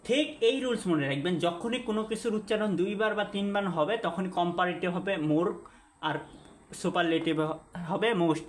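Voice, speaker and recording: A man teaching a lesson at a whiteboard, repeating and spelling out words and putting questions to the viewer. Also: high-pitched. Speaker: English teacher. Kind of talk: classroom-style lesson at a whiteboard. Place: classroom or room with a whiteboard. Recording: echoey room with faint background hum.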